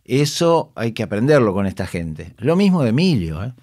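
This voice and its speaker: Speaking at normal speed with a medium-pitched voice, this Rioplatense-accented actor-comedian recounts backstage anecdotes on a casual podcast. He mimics his colleagues, stays animated, and often laughs. The studio-microphone sound is studio quality with no room sound.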